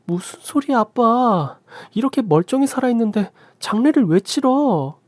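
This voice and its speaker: A man's voice: lively intonation, normal speed, darkish tone, husky, no room sound, studio quality. A man voicing a young adult daughter, a wronged and furious wife, pleading and often tearful. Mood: shocked. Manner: pleading, rising to shrill, tearful.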